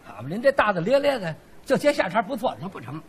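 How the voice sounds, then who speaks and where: A man performing crosstalk comedy, teasing his partner in quick banter. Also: sits high, very animated, slight background noise.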